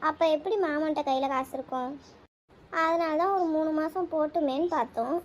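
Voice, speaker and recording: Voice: sits high, normal speed, natural voice. A woman voicing an anxious cartoon mother. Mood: worried. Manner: anxious, pleading. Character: worried mother of a bride, woman.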